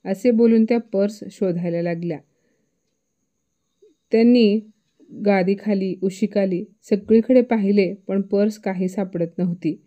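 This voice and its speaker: A woman storyteller calmly reading a moral story in a soft narration. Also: mid-range voice, a little slow. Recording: slightly dull lo-fi audio.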